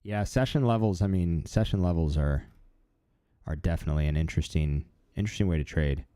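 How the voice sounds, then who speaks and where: A man in his thirties hosting a live stream, talking in a relaxed, chatty way with lots of fillers. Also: sits low, brisk, clean tone, no echo, studio quality. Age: 30s. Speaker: livestream host. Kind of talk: casual live-stream chat.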